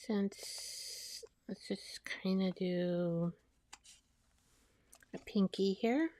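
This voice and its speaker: A woman chatting casually as she makes a collage, rambling and talking to herself while she glues, her voice soft and sometimes dropping to a whisper. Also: medium pitch, fairly even intonation, extremely slow. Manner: soft-spoken, drifting into whispers. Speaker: collage artist. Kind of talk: casual crafting narration.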